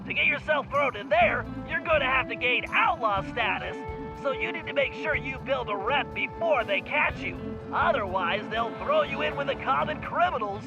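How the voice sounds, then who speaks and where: An actor voices a nerdy, eager male turtle planner in a video game cutscene, giving a briefing full of puns. His voice is very high-pitched and animated at a normal speed. The recording is muffled, with game music playing underneath.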